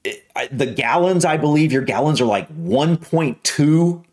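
A man's voice: on the high side, expressive, unhurried. An American man hosting a casual reaction video, musing aloud with lots of restarts and trailing thoughts. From United States.

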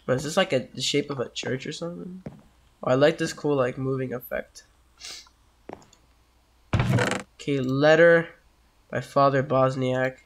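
A man's voice: medium pitch, steady tone, unhurried, long pauses, a little hiss or hum. A man who is sick, giving casual, jokey let's-play commentary on a horror game and getting easily spooked. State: sick, coughing. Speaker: gameplay commentator.

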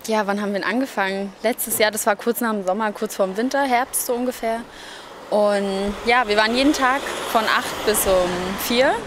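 A woman's voice: medium pitch, background noise. An eighteen-year-old woman from Germany, a volunteer, answering interview questions outdoors into a handheld mic. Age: teens. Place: outdoors by a building. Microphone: handheld mic held by interviewer.

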